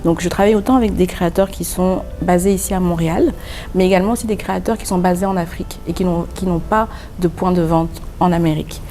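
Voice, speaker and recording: At a pop-up boutique, a designer and boutique founder from France speaks fast in a fairly low, mellow voice with a French accent. She answers interview questions earnestly, hesitating often while explaining at length, over a slight hiss or hum.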